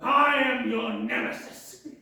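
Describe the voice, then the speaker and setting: In an echoey theatre, far from the mic, a melodramatic young suitor with a hammy stage-actor delivery. The voice is very high for a man and slow. He declaims his love pompously in a stage comedy. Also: steady tone, vocal fry, bright, forceful tone, full character voice. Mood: grandiose, defiant. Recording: echoey theatre, distant microphone.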